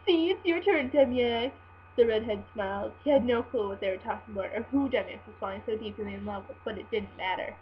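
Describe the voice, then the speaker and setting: A woman's voice: medium pitch, fairly even intonation, fast, few pauses, slight background noise. A woman giving an informal amateur dramatic reading of fan fiction, sometimes stumbling and restarting. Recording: muffled, humming home recording.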